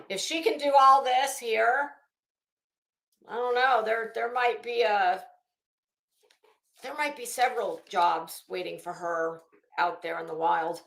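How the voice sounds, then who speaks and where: Her voice is mid-range, creaky and a bit bright, and the sound is roomy: a middle-aged woman running a casual livestream, telling rambling stories with sass, wry humor and profanity.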